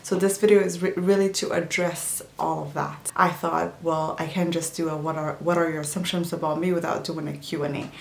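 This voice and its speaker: This health and nutrition vlogger from Djibouti speaks English as a second language in a low, gravelly voice, fairly quick and steady with few pauses. She's relaxed and chatty in her casual Q&A, often restarting and using fillers, and the echoey room carries slight background noise.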